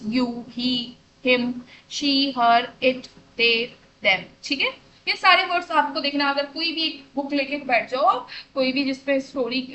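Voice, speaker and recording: A woman's voice: high-pitched, sharp tone, a little hiss or hum, rough recording. A woman teaching English grammar to children, asking questions and answering them herself, again and again. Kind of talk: classroom lesson explanation.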